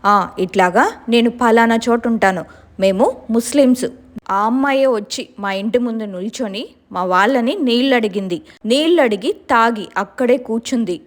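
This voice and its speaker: A woman's voice: fairly high pitch, normal speed, natural voice. A woman quoting a stubborn female ghost. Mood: defiant. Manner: defiant, then pleading.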